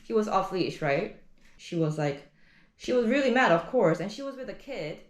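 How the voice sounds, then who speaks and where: A woman, talking haltingly on a phone call after an upsetting morning. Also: mid-range voice, expressive, roomy sound. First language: Korean. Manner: hesitant, halting, many fillers. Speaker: vlogger. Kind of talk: shaken phone call and narration.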